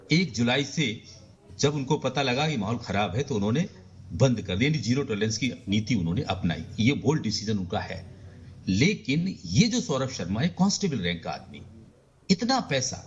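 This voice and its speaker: A man, a senior journalist, giving political commentary in a news debate over the phone, pushing hard on key words and dropping low at the ends of lines. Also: very animated, moderate pace, slightly rough, muffled recording.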